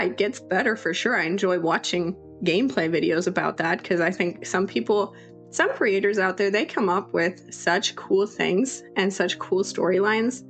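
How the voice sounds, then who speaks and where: Her voice raspy from a sore throat, a young woman who makes YouTube videos talks casually over footage of her game-building, mid-range in pitch. The voiceover is apologetic and full of restarts, with faint music in the background.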